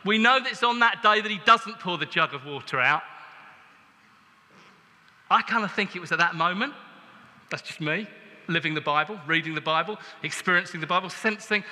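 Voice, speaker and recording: A man's voice: high-pitched, moderate pace, pauses often, bright, forceful tone, long reverb tail. A man preaching a sermon in a church, with a conversational, humorous and emphatic way of talking.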